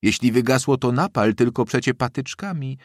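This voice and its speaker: A man reading a storybook and voicing a hearty, bossy old woman landlady who talks loudly and effusively. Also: mid-range voice, moderate pace, no echo, clean studio sound, voice pushed up, natural voice. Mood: joyful. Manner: loud, effusive, exclaiming.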